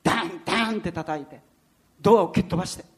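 A preacher leads a sermon, narrating a story with lively, animated delivery. The voice stays at an ordinary middle pitch, then settles into the teaching. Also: fast.

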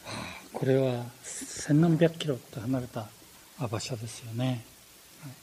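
An older man preaching a sermon, animated, with frequent fillers and self-corrections. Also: medium pitch, a little slow, slight background noise.

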